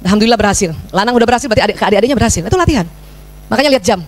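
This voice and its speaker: Middle-aged lady lecturing on parenting, rapid talk, keeps throwing questions at the crowd. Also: fairly high pitch. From Indonesia. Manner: lively, teasing the audience with questions.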